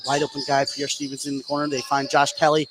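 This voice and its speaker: Speaking fast and in a monotone, a man does live radio play-by-play of a basketball game, though his voice climbs into shouts on the big plays. Indoor high school gym ambience comes through clearly behind him.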